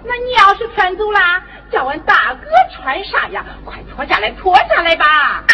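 An actress playing a scheming daughter-in-law with a wheedling, exaggerated manner, in Henan opera stage acting. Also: female voice, very high voice, very animated, normal speed, sharp tone, slight background noise, heavily acted.

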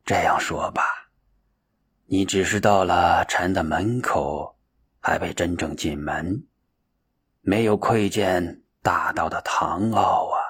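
A grave, aged Zen master speaks in a low, husky voice and weighs every word slowly, as a male storyteller puts him on. He keeps his calm through long, measured pauses in a storybook telling. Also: full character voice. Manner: slow, weighty, sighing.

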